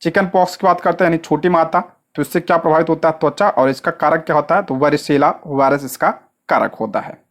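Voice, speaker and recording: A coaching teacher delivering an exam-prep lecture in a steady middle register. The delivery runs in a question-and-answer rhythm, each point posed and answered straight away, with frequent short check-ins and repeated stress on what matters. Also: mid-range voice, fast. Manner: asks rhetorical questions and answers them at once.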